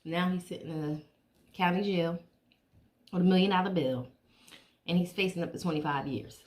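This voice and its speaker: A middle-aged woman chatting casually to viewers while she eats, chewing as she talks and pausing between bites. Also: fairly low pitch. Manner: chewing while talking, with pauses to eat. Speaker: mukbang vlogger.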